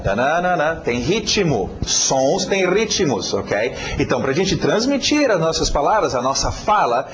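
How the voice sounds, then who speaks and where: A native English-speaking man from the United States, with an American accent, teaches a video lesson. He stretches out words and chants rhythm syllables to demonstrate them. His voice is fairly high, with slight background noise.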